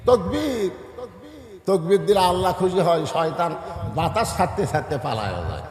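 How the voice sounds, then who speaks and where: Fiery high-voiced preacher. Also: male voice, animated, normal speed. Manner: fiery, joking, calls the crowd to shout. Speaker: Islamic preacher. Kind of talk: rousing open-air sermon. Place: large open-air gathering. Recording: echoey outdoor PA reverb.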